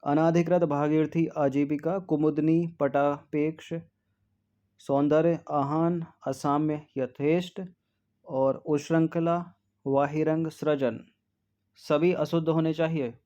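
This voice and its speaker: A Hindi exam tutor goes through test-series answers, lingering over each spelling, saying words twice and often adding "ठीक है". His slightly high voice is flat, even, mellow and soft rather than bright, and the audio sounds dull.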